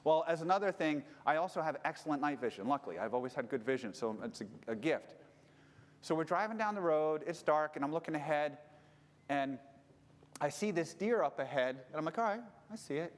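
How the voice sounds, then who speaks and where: A man's voice: a little high, expressive, brisk, big-room sound. A man casually telling a personal story as a relationship coach, candid and swearing freely. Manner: candid, swears freely, grows heated retelling the fight.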